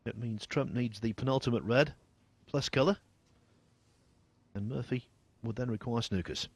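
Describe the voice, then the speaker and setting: A man giving hushed snooker commentary in a measured, understated way, with a slightly husky voice. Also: mid-range voice.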